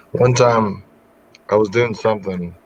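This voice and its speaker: Speaking slowly in a lowish voice that's turning hoarse, a man hosts a casual livestream while working from home over a video call. He rambles through stories as an animated storyteller, and the call audio is lo-fi with faint noise.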